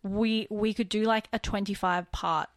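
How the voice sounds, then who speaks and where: A woman co-hosting a podcast in a relaxed, low-key way, her voice full of vocal fry. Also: unhurried, no echo, studio quality. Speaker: podcast co-host. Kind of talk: casual podcast chat. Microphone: desk microphone.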